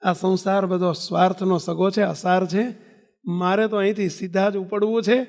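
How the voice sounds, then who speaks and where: A man's voice: high voice, little pitch movement, normal speed, darkish tone, big-room sound. A man preacher voicing a reformed bandit who turns devotee, with fervent, devout exclamations. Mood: resolute.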